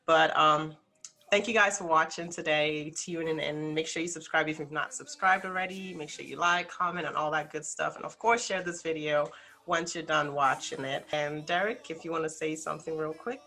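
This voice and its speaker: A man's voice: on the high side, fairly even intonation, moderate pace, gravelly, pushed and bright. A man hosting a casual interview, friendly and conversational. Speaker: host.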